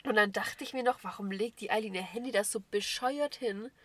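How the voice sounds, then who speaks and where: A woman with a mid-range voice tells animated stories in a casual chat podcast. She acts out her own thoughts as she goes. The recording is dry, with no room sound. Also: medium pitch, a little fast, no room sound. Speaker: podcast co-host.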